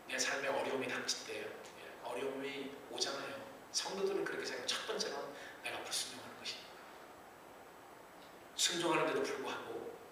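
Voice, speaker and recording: A man preaching a sermon as pastor, swinging from soft, low passages to loud, high-pitched pleading. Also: noisy background. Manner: dramatic swings between soft and loud delivery. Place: church sanctuary. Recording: echoey church hall, mic at a distance.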